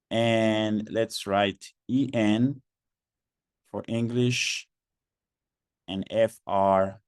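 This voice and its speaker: Slow man hosting a webinar. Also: lowish voice, a little mellow, no echo, clean studio sound. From Mexico. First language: Spanish. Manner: patient, repeats instructions, many fillers. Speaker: webinar host. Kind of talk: online webinar moderation. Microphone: video call.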